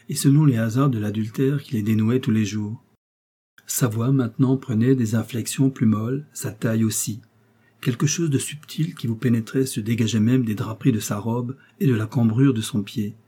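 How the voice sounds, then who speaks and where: Man, audiobook narrator, mellow tone, husky, measured expressive reading. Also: mid-range voice. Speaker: audiobook reader. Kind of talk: scripted literary narration.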